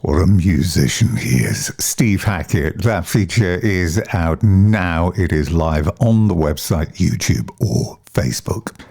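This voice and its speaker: A male podcast host with a low, gravelly voice that is slightly husky. He presents links and asks interview questions at a measured pace. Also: a little mellow.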